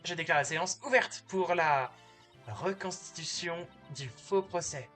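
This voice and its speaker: A man's voice: a little high, a little slow, fairly bright tone, faint music behind. A man reading aloud as an eager young woman lawyer who plays the judge in a mock trial. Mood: spirited. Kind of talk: reading game dialogue aloud.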